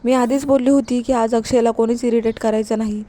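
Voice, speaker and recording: A woman's voice: fairly high pitch, fairly even intonation, fairly quick, warm tone, close to an everyday voice. A woman reading a stern old grandmother. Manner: curt and scolding.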